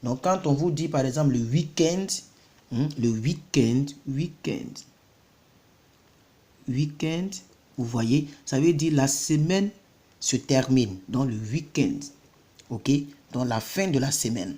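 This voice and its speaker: A man's voice: mid-range voice, animated, slow pace, mellow. A man from Côte d'Ivoire, giving a casual vocabulary lesson and repeating each word several times before explaining it. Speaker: self-taught English vocabulary tutor.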